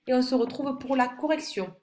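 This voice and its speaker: A woman's voice: high voice, a little fast, darkish tone, echoey room. A woman teaching a phonics lesson to a young child in a patient manner, speaking directly to the pupil and spelling out letters. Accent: French. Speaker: primary school teacher.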